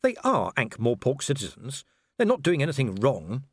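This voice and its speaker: A weary middle-aged watchman, dry and wry, talking low and tired, voiced by a male reader. The sound is close and dead. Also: wildly swooping pitch, normal speed, slightly rough, dry recording.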